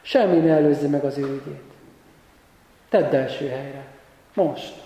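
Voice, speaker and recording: A man preaching a sermon as pastor, alternating impassioned emphatic exhortation with calm, quiet passages. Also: fairly high pitch. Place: church. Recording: very echoey church hall.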